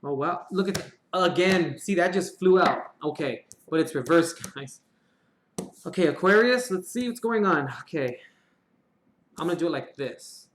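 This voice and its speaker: A fairly high-voiced man gives a casual tarot reading on a live stream, talking loosely and dropping the odd curse. His voice bounces around a roomy, echoey space. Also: animated, moderate pace, a bit bright, slight background noise. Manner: chatty, swears casually, murmured prayers to draw cards. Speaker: tarot reader. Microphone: live-stream mic. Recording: echoey room.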